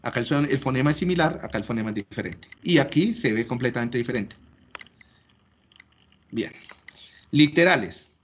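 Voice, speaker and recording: A man's voice: mid-range voice, lively intonation, moderate pace, pauses often, fairly bright tone, husky. Lecturing man, dull lo-fi recording. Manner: explanatory, checks understanding with frequent rhetorical questions. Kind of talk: classroom lecture.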